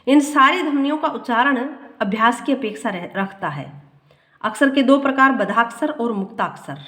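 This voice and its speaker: A woman teaching a grammar lesson. She reads from her notes and often repeats a line slowly to explain it. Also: fairly high pitch, expressive, bright, forceful tone. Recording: echoey room.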